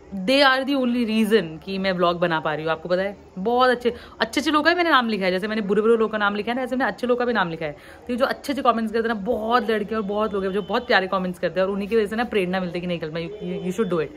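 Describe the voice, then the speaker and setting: A woman's voice: mid-range voice, racing, hardly any pauses, fairly bright tone. Young pahadi woman vlogger ranting at commenters, mixes in english, faint hum behind. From Uttarakhand, India. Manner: frustrated, venting, mixes English into Hindi. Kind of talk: candid talk to camera.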